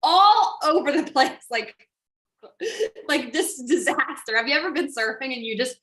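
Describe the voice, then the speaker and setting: Woman, high voice, motivational coach, emphatic and questioning, echoey room. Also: lively intonation, moderate pace, fairly bright tone. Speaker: business coach. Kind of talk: motivational talk to a group.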